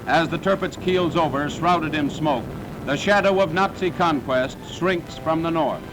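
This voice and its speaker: A man's voice: a little high, measured pace, background noise. A man narrating a 1940s wartime newsreel in a dramatic, solemn, declaiming manner.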